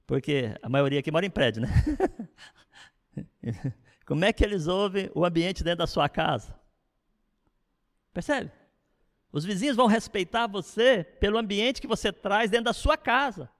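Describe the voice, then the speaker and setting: Animated middle-aged pastor preaching in a hall. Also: male voice, high-pitched, normal speed, long pauses. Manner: animated, conversational preaching with frequent asides. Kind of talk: sermon.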